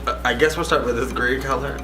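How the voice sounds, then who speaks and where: A man's voice: mid-range voice, steady tone, fast. A giggly, tipsy man doing a makeup vlog in casual chat. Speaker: vlogger following a makeup tutorial. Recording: music playing behind the voice.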